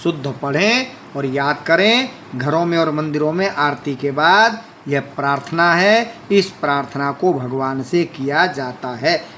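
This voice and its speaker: A man's voice: a little high, animated, unhurried, few pauses, a bit bright, a little hiss or hum. A man teaching a Sanskrit lesson, reading lines aloud and then explaining them. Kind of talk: classroom explanation.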